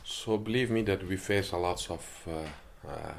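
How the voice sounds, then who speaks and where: A man from Afghanistan, speaking halting with many hesitations as he gives personal testimony in an interview, recorded in an apartment. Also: low-pitched, gravelly, slight background noise. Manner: halting non-native English with frequent hesitations.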